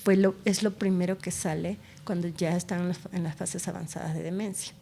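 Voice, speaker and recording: In a conversational interview, a woman neurologist appears as a guest, explaining things and telling expressive stories about her patients. Her voice is fairly low and steady, a little fast, warm, with vocal fry. There is slight background noise.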